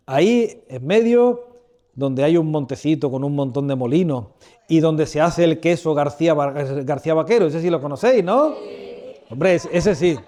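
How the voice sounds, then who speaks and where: A man in his fifties from southern Spain gives an informal sermon into a microphone, relaxed and humorous, often turning to his listeners with questions. His voice sits fairly high yet sounds warm and mellow. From Andalusia, Spain. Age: 50s. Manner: chatty and humorous, asks the audience questions. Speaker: preacher leading a church workshop. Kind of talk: informal sermon to a live audience. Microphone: handheld or stand microphone.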